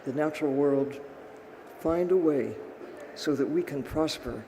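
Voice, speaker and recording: Man, podium speech, very slow pace, emphatic short phrases, noisy live recording. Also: a little high, dark tone. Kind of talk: podium speech, impassioned appeal.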